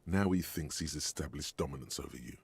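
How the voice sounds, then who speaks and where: A man voicing the game's inner narrator, calm and matter-of-fact. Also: very deep voice, fairly quick, creaky. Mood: ominous.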